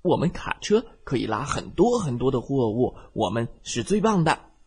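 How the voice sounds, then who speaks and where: A man's voice: mid-range voice, very animated, normal speed, a little mellow, breathy edge, full character voice. A man voicing a proud little male truck, a competitive child, in a bedtime storybook, lifting his voice to boast.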